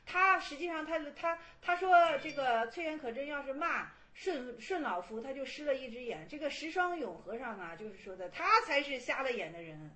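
A woman lectures on Chan Buddhist texts in a loose, conversational style, asking her listeners rhetorical questions and acting out the quotes. Her voice is high and swings widely in pitch. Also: animated, moderate pace, hardly any pauses, sharp tone. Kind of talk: colloquial lecture.

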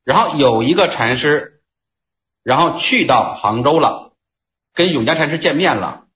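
A man's voice: fairly high pitch, lively intonation, a little slow, fairly bright tone. A man leading a Buddhist discussion, retelling a Zen story in a casual way and often restarting phrases. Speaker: Buddhist study group leader. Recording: roomy lo-fi room recording.

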